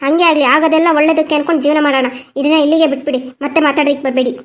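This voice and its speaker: A woman's voice: sits high, fairly even intonation, racing, lightly acted. A woman voicing a headstrong, defiant young daughter in a cartoon who talks bluntly and dismissively. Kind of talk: cartoon voice acting.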